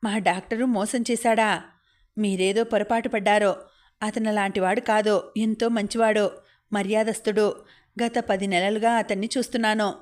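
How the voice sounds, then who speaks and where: A woman voicing a young man who reasons calmly and soothingly. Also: mid-range voice, normal speed, close to an everyday voice. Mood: reasoning.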